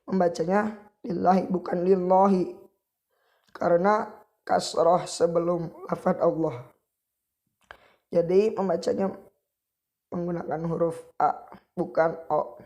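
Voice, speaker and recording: A man from Indonesia teaching Quran recitation, patiently repeating syllables, contrasting right and wrong sounds, and chanting verses in a drawn-out way. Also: sits high, steady tone, darkish tone. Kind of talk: tajwid recitation lesson. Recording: dull lo-fi recording.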